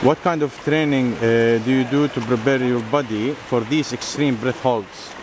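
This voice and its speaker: A man interviewing an athlete, asking questions haltingly with many fillers. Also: medium pitch, fairly even intonation, background noise. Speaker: reporter, interviewer.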